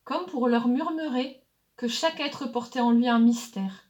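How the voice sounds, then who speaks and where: A woman narrates a children's story in a calm, soft voice. She reads slowly and gently, with a high, light tone.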